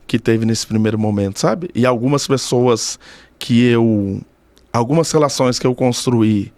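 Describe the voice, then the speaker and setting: With an unhurried, mid-range, dark-toned voice and no room sound, a Brazilian Portuguese-accented man in his thirties talks as an interview guest. This communication doctoral student is casual and reflective, and he repeats phrases thoughtfully to stress them.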